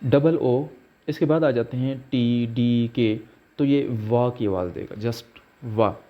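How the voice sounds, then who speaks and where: Slow-spoken man teaching pronunciation. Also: mid-range voice. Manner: slow, deliberate, spells out letters and example words. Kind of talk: slow explanatory lesson. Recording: dull lo-fi recording.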